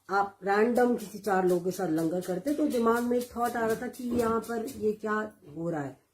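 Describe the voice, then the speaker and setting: A woman's voice: mid-range voice, a little mellow, a little hiss or hum, rough recording. A middle-aged woman sharing a personal devotional testimony, mixing Hindi and English and retelling dialogue with animation. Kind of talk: personal storytelling.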